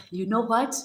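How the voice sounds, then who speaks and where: A woman telling her own story on a casual livestream, halting and repeating words as she goes, with frequent laughs. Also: a little high, background noise. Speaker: vlogger. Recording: echoey room.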